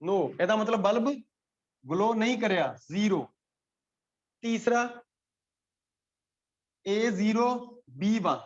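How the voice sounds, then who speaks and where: A man's voice: high voice, lively intonation, slow pace, pauses often. A man with a Punjabi accent teaching a physics class, quizzing students by name and repeating key points. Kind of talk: classroom lecture. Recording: dull lo-fi classroom recording.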